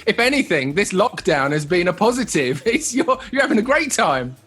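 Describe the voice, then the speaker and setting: Husky male interviewer, halting, restarts a lot, faint music behind. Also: high-pitched, big pitch swings, fairly bright tone. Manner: halting, many restarts and fillers. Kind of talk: casual interview chat.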